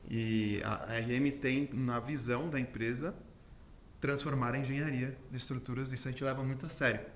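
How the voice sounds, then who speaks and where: In an interview on his podcast, a Brazilian host lays out his views in an explanatory way and keeps checking in with his guest, often finishing with "entendeu?". His voice is medium-pitched and steady at a normal pace, with a little background noise.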